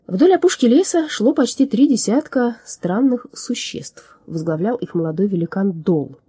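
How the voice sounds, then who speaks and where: A woman narrating a fairy-tale audiobook with expressive storytelling. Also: fairly low pitch, slightly rough, dry recording, clean studio sound.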